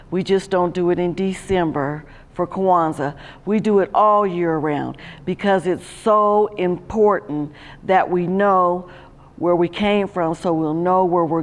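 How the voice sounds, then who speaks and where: A middle-aged woman speaking emphatically about genealogy workshops, seated in a community center room. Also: fairly low pitch. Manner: emphatic, preachy. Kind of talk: community talk. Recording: roomy hall echo.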